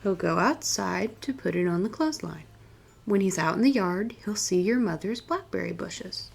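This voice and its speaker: Woman reading a picture book aloud. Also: medium pitch. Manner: clear, deliberate picture-book reading with expressive emphasis. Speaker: children's librarian, storytime host. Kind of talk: read-aloud storytime narration.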